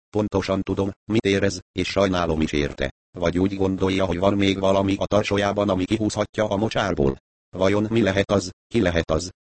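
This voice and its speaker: A man reading a crime novel aloud as an audiobook narrator, in a calm, even storytelling manner, lightly acting out the dialogue. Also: sits low, no echo.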